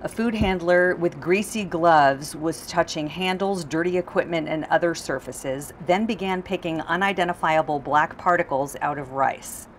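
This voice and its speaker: A woman's voice: lowish voice, moderate pace, hardly any pauses, slight background noise. A middle-aged woman reporter interviewing a restaurant manager indoors, asking pointed, pressing questions. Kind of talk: on-location interview.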